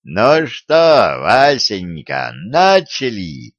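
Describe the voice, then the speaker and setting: A man voicing a huge wolf with a slow, mocking drawl in an audiobook. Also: on the low side, wildly swooping pitch, dry recording, lo-fi sound, heavily acted.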